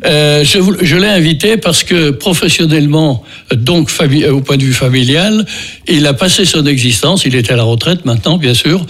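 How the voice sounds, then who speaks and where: An older man with a Beaujolais accent hosts a local radio music show. His voice sits a bit high, and he talks in a meandering way, stopping and starting again often. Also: moderate pace, a bit bright. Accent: French from Beaujolais. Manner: rambling, hesitant, many restarts and fillers. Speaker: radio host.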